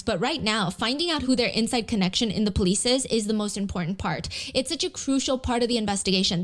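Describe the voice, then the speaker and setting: A woman's voice: on the high side, a bit bright. A woman telling a true story in a conversational way, reading out text messages and quotes along the way. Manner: conversational, reads out texts and quotes. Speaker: documentary narrator. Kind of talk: storytelling video narration. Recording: narration played with background music.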